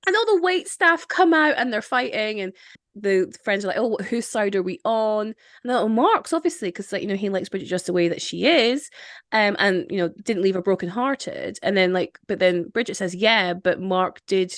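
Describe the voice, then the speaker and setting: A woman's voice: mid-range voice, animated, brisk, no echo, clean studio sound. A young adult woman hosting a podcast, retelling a film scene by scene in casual chat and acting out the characters' lines with lots of laughter. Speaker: podcast host.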